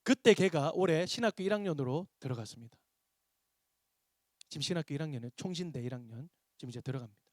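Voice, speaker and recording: A man's voice: fairly high pitch, fast talker, dry recording, studio quality. A man, a pastor, giving a seminar lecture to teachers, telling stories and acting out the dialogue in them. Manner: animated storyteller acting out dialogue. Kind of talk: seminar lecture with acted anecdotes.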